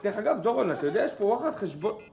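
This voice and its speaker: An actor playing a flustered sitcom character who banters fast on the phone. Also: male voice, high-pitched, big pitch swings, vocal fry, mellow, exaggerated voice. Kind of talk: sitcom acting.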